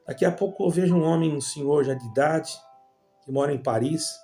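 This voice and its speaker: Gravelly Brazilian man giving testimony. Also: on the high side, a little fast, warm tone, soft background music. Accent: Brazilian Portuguese. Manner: addresses listeners as brothers, rambling storytelling. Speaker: church member giving testimony. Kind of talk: religious personal testimony.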